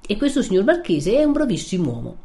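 A woman's voice: mid-range voice, wildly swooping pitch, fast, mellow, voice pushed up. A woman reading aloud, voicing a determined young village man who speaks plainly and firmly. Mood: eager. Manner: resolute, plain-spoken. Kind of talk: reading a classic novel aloud.

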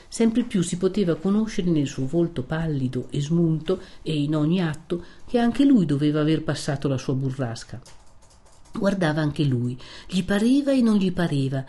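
A woman narrating a classic novel in a slow, measured audiobook reading. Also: sits low, dark tone.

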